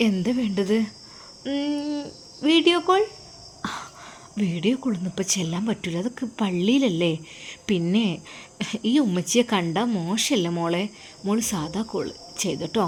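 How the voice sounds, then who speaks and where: A woman voicing a kind, caring woman who speaks gently to a child. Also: medium pitch, expressive, unhurried, pauses often, a little hiss or hum, lightly acted. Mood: gentle. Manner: gentle, sympathetic.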